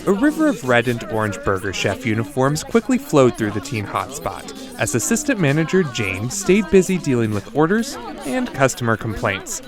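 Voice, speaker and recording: A male host tells a true-crime tale with a voice that rises and falls freely, his pitch sitting in an ordinary middle range. He keeps it conversational and animated. Soft music runs faintly underneath. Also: normal speed, hardly any pauses. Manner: lively conversational storytelling with wide pitch swings. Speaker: narrator and podcast host. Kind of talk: storytelling narration.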